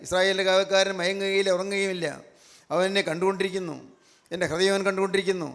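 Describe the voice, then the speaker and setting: A man's voice: high voice, flat delivery, quick pace, fairly bright tone, in a large hall. A man with a Malayali accent preaching a sermon, repeating his points with emphasis and breaking into praise. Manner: repetitive, emphatic preaching with frequent praise phrases.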